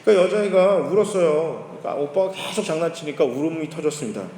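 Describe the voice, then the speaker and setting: Male pastor, storytelling sermon, slightly high voice, reverberant church hall. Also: animated, fast, warm tone. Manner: conversational storytelling preacher. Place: church sanctuary.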